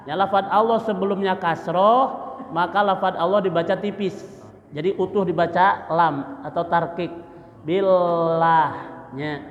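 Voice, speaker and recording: A man teaching Quran recitation, slowly drilling letter sounds and repeating syllables, light jokes. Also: high-pitched. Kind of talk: tajwid lesson with drilled pronunciation. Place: mosque hall. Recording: echoey mosque hall, dull lo-fi sound.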